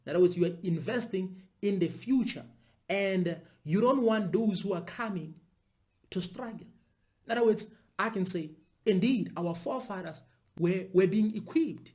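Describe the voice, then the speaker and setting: A commentator talks to viewers without a script. The delivery is deliberate and repetitive, with emphatic phrasing at an ordinary, medium pitch. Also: warm tone. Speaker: video commentator. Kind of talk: unscripted spoken commentary.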